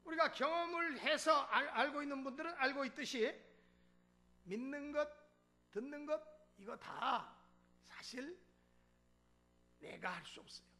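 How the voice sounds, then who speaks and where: With an extremely high-pitched voice, a little slow and marked by long pauses, a pastor preaches a sermon in a church sanctuary. He animatedly acts out the dialogue of a story and chuckles, while faint music plays behind him.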